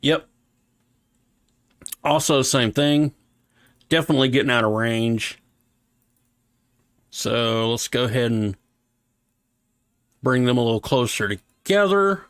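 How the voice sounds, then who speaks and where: Male streamer, mid pitch, slight lisp, halting think-aloud delivery, dry close mic. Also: expressive, clear, resonant tone, no room sound. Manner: thinking aloud, halting, talks himself through small decisions. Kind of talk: casual livestream commentary while working.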